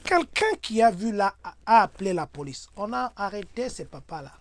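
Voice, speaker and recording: A community advisor, a man whose first language is Swahili, offers everyday advice to his community in an earnest, preachy way, breaking into loud exclamations to drive points home. His voice sits high and is expressive, his pace is moderate, and there is no room sound.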